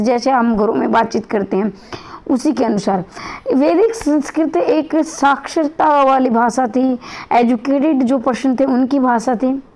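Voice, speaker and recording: High-voiced woman teaching a lesson. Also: darkish tone. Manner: repeats and rephrases each point, asks the class questions. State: strained, bad throat. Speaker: Hindi teacher for exam preparation. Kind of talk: lesson to exam candidates.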